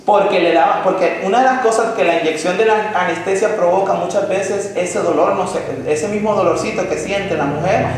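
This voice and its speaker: Preacher, male, fairly high pitch, passionate sermon delivery with questions to the pews, boomy church reverb. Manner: impassioned, rhetorical questions to the congregation. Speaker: pastor. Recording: very echoey hall with faint noise.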